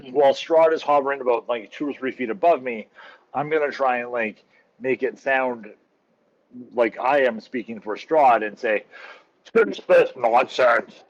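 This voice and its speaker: A man's voice: mid-range voice, a little slow. A man playing a tabletop game, thinking aloud and checking the rules mid-sentence. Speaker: player. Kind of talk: casual tabletop game chat. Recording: slightly dull lo-fi sound.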